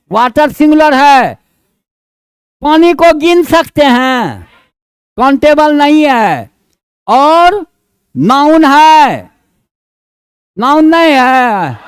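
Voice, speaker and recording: A man's voice: very high voice, dry recording. A male grammar teacher with a Bihari Hindi accent, teaching a class in a homely, colloquial way and keeping students engaged with questions and checks. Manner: homely, colloquial scolding and coaxing. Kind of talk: classroom lesson.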